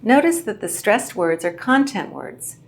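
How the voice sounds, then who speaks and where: A woman instructor giving a clear, measured lesson on how to present well. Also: mid-range voice, animated, a little hiss or hum. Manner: clear, measured teaching delivery. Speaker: English language instructor. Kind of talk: instructional video narration.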